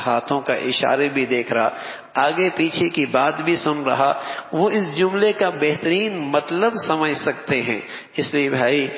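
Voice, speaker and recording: A man preaching a sermon, emphatic and repeating key phrases, reciting Arabic quotations slowly, in a dull lo-fi recording from a large hall. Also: medium pitch. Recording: echoey hall, dull lo-fi sound.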